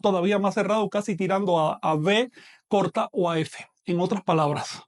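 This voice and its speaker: A man teaches a language lesson online in a fairly high voice. His delivery is measured and patient, and he slows right down whenever he models a sound. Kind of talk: online lecture.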